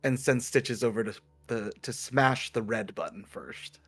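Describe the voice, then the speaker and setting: A man playing a tabletop game, describing his character's actions haltingly with many fillers. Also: medium pitch, a bit bright, slightly rough, soft background music. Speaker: player.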